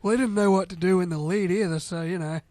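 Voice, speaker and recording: A man's voice: high voice, quick pace, a little mellow, no echo. A man co-hosting a casual podcast, speaking with dry sarcasm. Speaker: podcast co-host. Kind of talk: casual banter.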